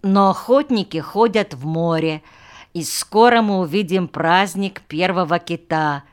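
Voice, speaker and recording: A woman's voice: lowish voice, a little slow, smooth, natural voice. A woman voicing a patient male schoolteacher who mildly chides and coaxes his pupils with questions, in an audiobook. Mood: coaxing. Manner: mildly chiding, coaxing questions. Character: patient male village schoolteacher, gently reproachful. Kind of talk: audiobook character voice.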